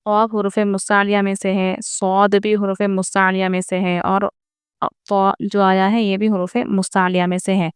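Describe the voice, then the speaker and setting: A woman gives an online recitation lesson in a very clear, smooth voice at a mid pitch. She explains each rule patiently and slows right down to sound out the example words. The recording is dry and close. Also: level tone, no echo. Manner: patient step-by-step explaining, repeating each point; addresses viewers directly. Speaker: Quran recitation teacher.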